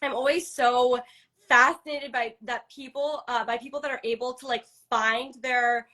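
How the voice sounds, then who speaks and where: Bright, high-voiced woman host. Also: steady tone, normal speed. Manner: upbeat, enthusiastic. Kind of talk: live stream interview hosting.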